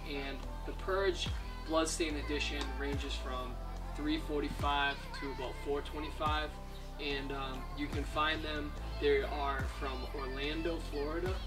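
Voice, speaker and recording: Upbeat young man reviewing vape gear. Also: on the high side. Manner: upbeat, keeps adding "right?". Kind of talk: casual product review vlog. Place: living room, indoors. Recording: distant mic with music under the voice.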